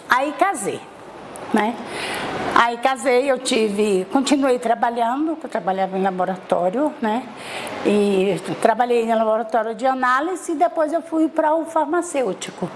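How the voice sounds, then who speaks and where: A woman's voice: a little high, noisy background. A middle-aged woman from Bahia telling her life story in an interview, chatty, with many tag questions and restarts. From Salvador, Bahia, Brazil. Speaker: interviewee, mother.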